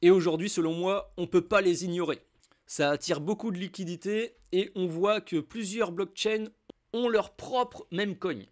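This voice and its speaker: A man's voice: high voice, moderate pace. A man from France walking the viewer through a crypto tutorial in a casual, chatty way, with frequent fillers. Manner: chatty, addresses viewer informally with many fillers. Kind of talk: casual screen-recorded tutorial.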